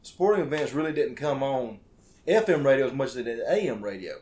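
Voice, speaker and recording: A man, telling stories on a podcast in an animated, casual way. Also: medium pitch, a little fast.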